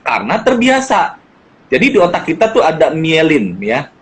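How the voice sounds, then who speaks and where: A man's voice: a little high, normal speed, a little hiss or hum, low-quality recording. A middle-aged man, a guest speaker, talking casually about parenting and acting out quoted dialogue. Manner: animated, acts out quoted dialogue in changed voices. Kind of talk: casual chat.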